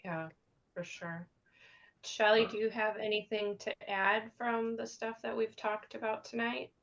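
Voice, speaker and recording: A woman hosting a casual discussion as a nurse, speaking in halting phrases on slightly muffled audio. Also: fairly high pitch, flat delivery, vocal fry, fairly bright tone. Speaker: discussion host and hospice nurse.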